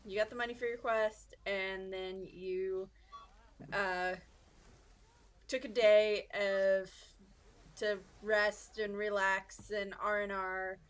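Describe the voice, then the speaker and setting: A woman in her twenties leads a casual tabletop game, recapping the last session for her players. She talks slowly and unhurriedly, in a mid-range voice, stopping often with ums and restarting her sentences. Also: medium pitch. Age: 20s. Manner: relaxed and halting, many ums and restarts. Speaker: dungeon master.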